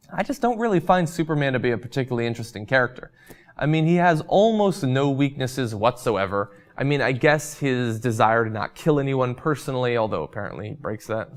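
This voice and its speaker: A man's voice: mid-range voice, clear, resonant tone. A young man hosting a show and chatting casually through viewer comments, losing his voice, with frequent ums and uhs. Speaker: host.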